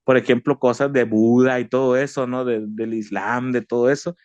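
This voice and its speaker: A man's voice: mid-range voice, steady tone, moderate pace, darkish tone, dry recording, dull audio. A man giving an emotional personal faith testimony, earnest and repetitive, calling the listener brother. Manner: earnest, repeats himself, addresses the listener as brother.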